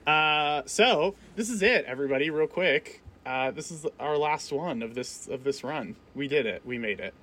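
A man's voice: fairly high pitch, lively intonation, normal speed, few pauses, pushed and bright. A man in his thirties hosting a film podcast in casual chat, laughing often and restarting his phrases. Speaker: podcast host.

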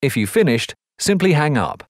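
A man voicing scripted phone-system prompts in a measured, polite, evenly enunciated way. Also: fairly high pitch, big pitch swings, no echo, clean studio sound. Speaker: voice-over artist.

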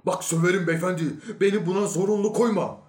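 Man narrating as some hothead guy cussing loud and high, echoey. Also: steady tone, quick pace, close to an everyday voice. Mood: brash, defiant. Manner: brash, defiant swearing. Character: hot-headed cursing man in a crowd. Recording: echoey room.

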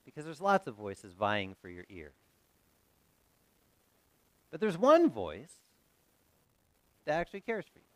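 A man preaching a sermon as pastor, in a conversational style that swings from loud to soft. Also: on the high side, huge pitch swings, unhurried, pauses often, dry recording.

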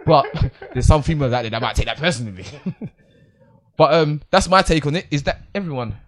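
Male podcast host, slightly high voice, slangy and insistent in casual discussion. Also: fairly quick, a bit bright.

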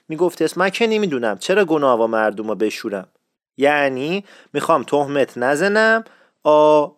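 A man teaching a language lesson, who explains expressions and repeats key terms slowly. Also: on the high side, dry recording, clean studio sound. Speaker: Isfahani dialect teacher. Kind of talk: radio-style language lesson.

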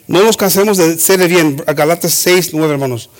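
A man preaching a bilingual sermon with many restarts, rising to emphatic exhortation. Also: normal speed. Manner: preaching with frequent restarts and "hermanos"; rises to emphatic high-pitched exhortation.

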